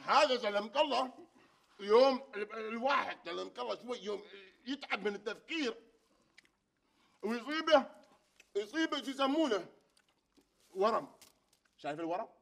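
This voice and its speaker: A touchy, squabbling guest. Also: male voice, very high-pitched, expressive, moderate pace, vocal fry, pauses often, fairly bright tone, exaggerated voice. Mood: explaining. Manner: indignant, bickering, laughing at others. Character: loud touchy Emirati man, quick to take offence. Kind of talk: TV sketch comedy acting.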